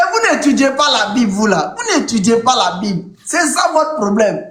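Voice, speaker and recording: Man debating religion with emphatic lectures; very high, roomy sound. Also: fairly bright tone, a little hiss or hum. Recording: echoey room.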